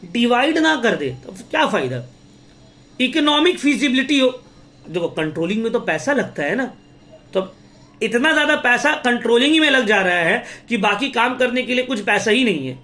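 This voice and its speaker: A young Indian man teaches an exam-prep class in a high, bright-edged voice. He speaks straight to his students. He mixes in English terms and acts out little classroom scenes. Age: young adult. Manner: lively, talks straight to students with Hinglish terms and acted examples.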